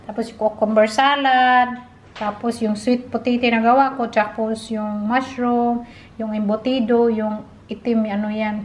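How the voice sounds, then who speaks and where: A woman's voice: a little high, a little hiss or hum. A Filipino woman vlogging casually at home, bubbly, mixing Tagalog and English as she shows the dinner. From Philippines. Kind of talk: casual mukbang vlog chat. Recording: echoey room.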